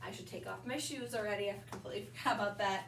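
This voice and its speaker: A young fitness instructor, slightly nasal from allergies, calls out moves while demonstrating a balance class in a large wood-floored wellness room. Her medium-pitched voice is creaky and fairly bright, with upbeat cues and brief pauses between moves. A tripod camera far away picks her up with roomy echo and slight background noise.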